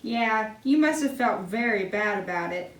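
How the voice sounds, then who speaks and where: A woman voicing a kind grown-up friend in a church puppet skit, speaking in a gentle teaching tone. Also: mid-range voice, animated, normal speed, natural voice. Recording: roomy hall, mic far off.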